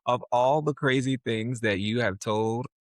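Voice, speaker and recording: A man's voice: mid-range voice, measured pace, no room sound, studio quality. A man co-hosting a podcast, reacting with playful teasing and jokes, then introducing a segment. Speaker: podcast co-host. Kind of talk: casual podcast chat.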